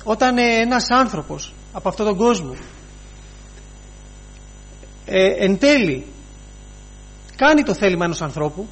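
Man, preacher, sermon, high voice, husky, halting, repetitive phrasing. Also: very animated. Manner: halting, repeats phrases, often inserts "he says".

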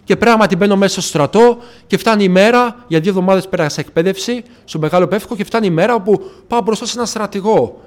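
High-voiced man giving church testimony. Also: hardly any pauses. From Athens, Greece. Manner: earnest, retells conversations with frequent "I say, she says" asides; keeps addressing listeners as brothers. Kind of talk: personal faith testimony to a congregation.

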